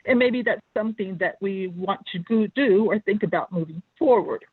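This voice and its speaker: A woman calling in by phone to give public comment to a school board, speaking earnestly and pausing to find her words. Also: medium pitch, breathy edge, dry recording. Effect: heard over a phone line. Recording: tinny, dry phone line.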